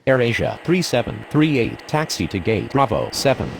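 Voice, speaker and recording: A man's voice: medium pitch, sing-song, moderate pace, creaky. Man on pilot radio over noise. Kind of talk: clipped aviation radio phraseology, like a pilot on a headset.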